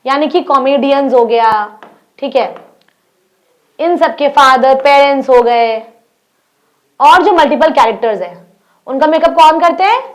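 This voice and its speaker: A young woman teacher with an Indian accent, explaining an English textbook story in Hindi, reading the English lines slowly and asking her students questions. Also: high voice.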